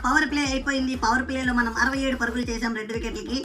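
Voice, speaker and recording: A woman giving excited, casual play-by-play commentary on a cricket video game, exclaiming and repeating phrases. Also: high-pitched, racing, distant mic. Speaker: gaming commentator.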